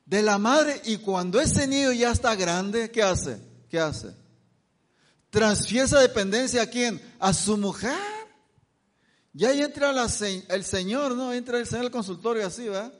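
A man's voice: very high voice, normal speed. A middle-aged man with a Mexican Spanish accent giving a health talk in a church, asking his listeners questions and answering them himself. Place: church hall.

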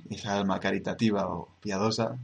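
A man from teaching a yoga tutorial, speaking in a measured way and repeating key words for emphasis. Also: on the low side, steady tone, creaky, breathy edge. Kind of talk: spoken tutorial.

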